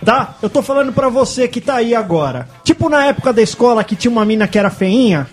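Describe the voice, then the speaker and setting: A man with a high voice banters on a podcast, crude and joking. He talks straight to the listener with easy, casual slang. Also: expressive, fast talker, husky, faint music behind. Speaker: podcast co-host.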